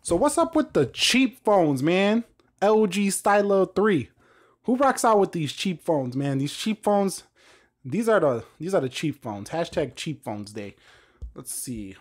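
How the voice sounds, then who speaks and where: A man's voice: high voice, sing-song, measured pace. Chatty man hosting a tech live stream. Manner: loose, chatty, reacts to viewer comments. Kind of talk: casual live-stream chat.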